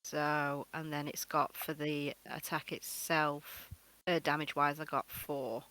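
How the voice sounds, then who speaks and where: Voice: medium pitch, little pitch movement, a little slow, pushed and bright. A player at a tabletop game, hesitant and full of ums while reading rules aloud. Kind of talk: casual tabletop game chat.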